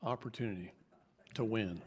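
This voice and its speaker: A man giving a live seminar talk to an audience, animated and jokey, his voice climbing high when he gets worked up. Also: moderate pace. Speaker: seminar speaker.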